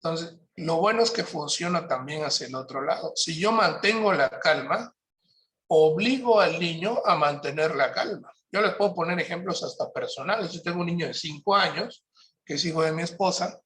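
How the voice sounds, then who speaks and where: A man presenting a parenting workshop, explaining points in a calm, measured way and often checking in with his listeners. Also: on the high side.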